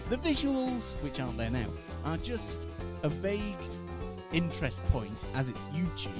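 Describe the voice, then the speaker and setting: A man with a fairly high, very animated voice speaks at normal speed, hosting a casual online radio-style show in a rambling, self-deprecating way. He moves between a home studio and downstairs rooms, switching between wireless and studio microphones, with background music in places.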